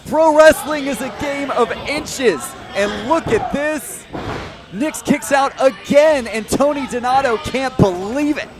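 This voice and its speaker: A man giving excited pro wrestling commentary at a live event, dramatic and emphatic, often shouting. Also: extremely high pitch, slow. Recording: loud crowd and music behind. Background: live event crowd and music.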